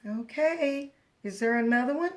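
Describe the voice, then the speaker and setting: An animated woman with a high voice speaks at a moderate pace, giving a preschool lesson for young children. She stays patient and encouraging, moving step by step and putting questions to the listener before answering them.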